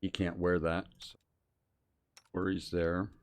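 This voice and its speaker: Male game streamer with a lower-register voice, muttering casually through live play commentary and on-screen text. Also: little pitch movement, slow pace. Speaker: streamer playing a role-playing game.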